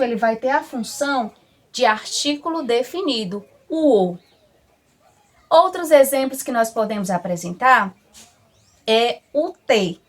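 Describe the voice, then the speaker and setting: Brazilian lady teacher, high voice, takes her time, spells things out slowly. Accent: Brazilian Portuguese. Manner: slow, careful explanations with drawn-out example words. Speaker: Spanish teacher. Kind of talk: classroom lesson.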